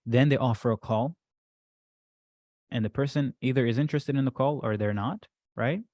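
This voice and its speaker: A man's voice: mid-range voice, moderate pace, mellow, no room sound. A man in a middle register gives a loose, chatty workshop talk, full of fillers and "right?" asides. The sound is close and dry, with no room in it. He walks a group through material on a shared screen. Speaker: business coach presenting to a group.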